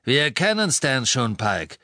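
A man's voice: medium pitch, very animated, slow, bright, forceful tone, no echo, studio quality, full character voice. A man voicing a brusque adult male snatcher who leads a gang and questions captives in a curt, sneering way, raised above his narrating voice. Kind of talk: audiobook character voice.

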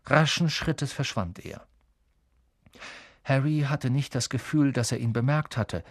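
A male narrator reads a novel aloud in an expressive storytelling manner, leaning into key words with lively emphasis. His voice sits at an ordinary middle pitch. The recording is close and dry, with no room echo. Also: measured pace. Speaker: audiobook narrator. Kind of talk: scripted audiobook narration.

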